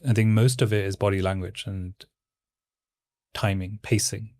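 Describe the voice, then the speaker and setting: A man speaking as a guest in a casual interview, with a stoic, calm, monotone delivery. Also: lowish voice, no room sound, studio quality. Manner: stoic, measured. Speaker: guest, content creator.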